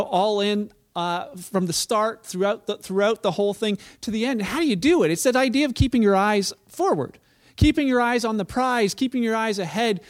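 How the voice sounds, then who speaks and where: A middle-aged man giving a sermon as pastor, conversational and storytelling, with frequent restarts. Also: sits high.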